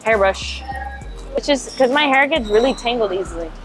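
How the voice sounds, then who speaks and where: A woman's voice: fairly high pitch, animated, moderate pace. Young woman rambling casually on a lapel mic. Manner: rambling, heavy on filler words. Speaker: powerlifter. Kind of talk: casual vlog chat. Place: indoor gym. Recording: background music under the voice.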